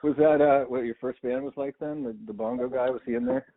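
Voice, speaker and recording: A man's voice: medium pitch, fairly even intonation, fast talker. Joking male host, tinny phone-like sound. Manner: joking, chuckles often. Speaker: podcast host. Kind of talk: casual interview chat.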